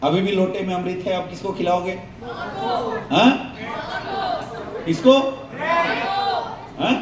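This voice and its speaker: A man's voice: high-pitched, slow, a crowd in the background. A man leading a seminar training talk, firing call-and-response questions at the audience in a joking way. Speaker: network marketing trainer. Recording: roomy echo, voice from a distance, faint hum.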